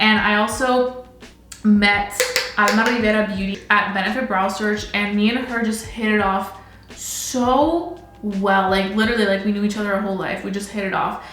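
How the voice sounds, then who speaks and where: A woman's voice: medium pitch, a bit bright. A woman in her twenties chatting casually while doing her makeup, filling her talk with "like" all the time. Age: 20s. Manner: chatty, fills with "like" constantly. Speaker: beauty vlogger. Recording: very echoey room.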